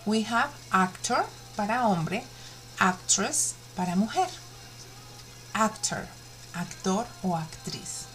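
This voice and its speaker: A woman with a Colombian Spanish accent teaches a virtual English class to children. She speaks very slowly and stretches each word out for repetition. Faint music plays underneath her voice. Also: mid-range voice, animated, a bit bright, poor audio. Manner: slow, drawn-out pronunciation drills. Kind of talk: bilingual classroom lesson.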